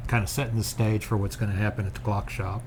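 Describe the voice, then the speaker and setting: A middle-aged man chats about a show he just saw, in a low voice with a folksy, meandering way of talking. He often repeats himself while he gathers his thoughts. A faint hiss of background noise sits under the recording. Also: little pitch movement, fast talker. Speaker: theater review host. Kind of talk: casual chat.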